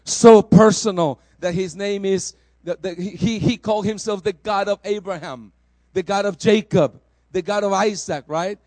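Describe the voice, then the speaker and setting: A man from El Salvador preaching a sermon, rising to loud exclamations and dropping soft for personal testimony. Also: high-pitched, normal speed, no room sound.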